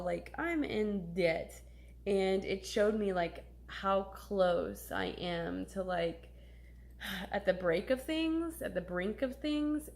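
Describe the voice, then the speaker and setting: A woman's voice: mid-range voice, creaky. A woman in her thirties talking candidly and emotionally in a personal vlog, swearing casually as she confides. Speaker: vlogger.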